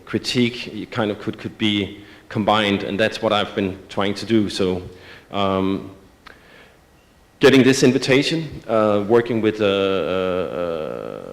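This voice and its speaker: A man from Denmark, giving a hesitant symposium talk about his art, full of filler sounds and restarts. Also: low voice. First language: Danish. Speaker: artist presenting his work. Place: museum auditorium. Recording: long reverb of a large hall.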